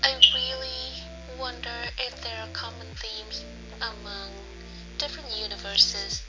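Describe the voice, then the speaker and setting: Woman narrating a sleep podcast, music behind. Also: mid-range voice. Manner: gentle, musing, addresses listeners with questions and pauses. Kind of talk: sleep story narrator, relaxed chatty bedtime podcast. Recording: dull lo-fi sound with music behind.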